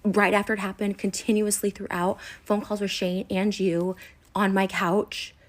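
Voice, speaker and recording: A woman's voice: medium pitch, flat delivery, moderate pace. Woman, 30s, YouTuber ranting to camera; wounded, indignant, repetitive, stammering restarts. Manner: hurt, indignant, repeats phrases with stammered restarts. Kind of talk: emotional vlog rant to camera.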